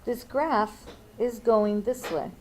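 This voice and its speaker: A woman's voice: on the high side, slow pace, a little mellow, a little hiss or hum, rough recording. A woman teaching a math lesson, thinking aloud and checking in with frequent "okay?"s.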